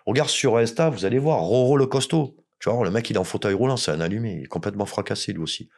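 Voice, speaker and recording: A man's voice: fairly low pitch, fast, a little mellow. A man from France, a podcast guest, telling stories in casual chat, blunt and joking with plenty of swearing.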